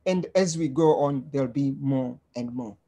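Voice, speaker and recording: A woman from Tanzania presenting slides on a webinar in a measured way, with frequent ums, over a video call. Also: extremely low pitch, mellow.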